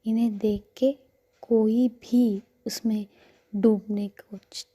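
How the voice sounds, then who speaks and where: Woman voicing a gentle young woman consoling a friend, soft and coaxing, slow and mellow, a little high. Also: flat delivery, slightly rough. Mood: tender.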